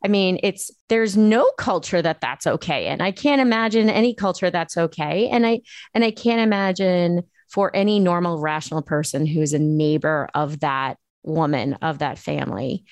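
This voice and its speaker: A woman's voice: lowish voice, normal speed, a little mellow, dry recording. A woman hosting a talk show, speaking earnestly and emphatically with frequent restarts. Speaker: host. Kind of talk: casual chat.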